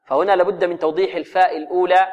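Man teaching Quran recitation, slightly high voice. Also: flat delivery, a little mellow, lo-fi sound. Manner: drills students with rhetorical questions; recites verses slowly and melodically. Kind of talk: chanted recitation and grammar lesson.

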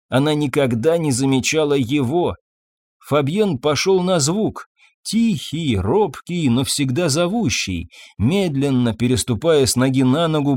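Мужчина размеренно и атмосферно читает рассказ вслух, как в аудиокниге. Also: male voice, medium pitch, darkish tone, no room sound, studio quality. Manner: measured, atmospheric storytelling. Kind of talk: scripted audiobook narration.

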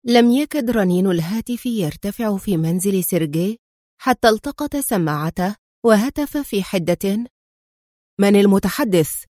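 A woman reads an action story aloud in a steady, dramatic voice at a middling pitch. The recording is dry and close, with no room around her. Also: moderate pace, no echo. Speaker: narrator. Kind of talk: storybook narration.

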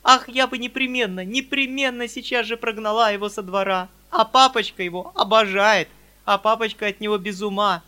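A man voicing a fiery, outspoken young girl who shouts in defence of her father. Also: sits high, fairly even intonation, normal speed, clean tone. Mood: indignant. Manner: shouting, indignant, tearful pleading.

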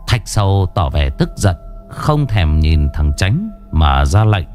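A man narrating a horror story in an expressive storytelling voice. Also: low voice, takes it slowly, soft background music.

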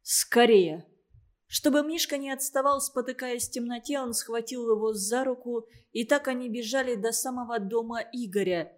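A woman narrating a novel in a steady, even storytelling manner. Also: fairly high pitch, normal speed, few pauses. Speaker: audiobook narrator.

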